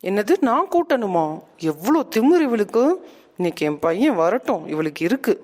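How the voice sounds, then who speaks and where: A woman's voice: medium pitch, very animated, moderate pace, darkish tone. A woman playing a bossy mother-in-law. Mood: scolding. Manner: scolding, domineering. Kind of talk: comic short skit acting.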